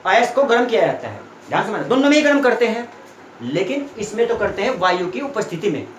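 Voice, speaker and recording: A man's voice: high voice, big pitch swings, quick pace, slight background noise. Young male tutor in an echoey classroom. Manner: repetitive, keeps checking students follow. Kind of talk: classroom lesson explaining chemistry. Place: small classroom with students. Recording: echoey room.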